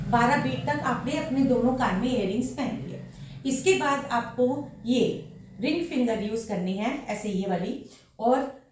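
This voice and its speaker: A woman with a slightly hoarse voice from a sore throat leads a dance lesson, counting beats aloud as she shows each step. Her voice sits a bit high and reaches the mic from across a very echoey room. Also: darkish tone, distant mic. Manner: counts beats aloud while demonstrating moves. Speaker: dance teacher.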